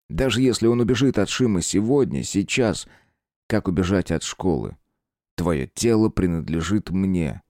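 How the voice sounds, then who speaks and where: A man giving a measured, expressive scripted narration of a horror story as an audiobook reader. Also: low-pitched, dry recording, clean studio sound.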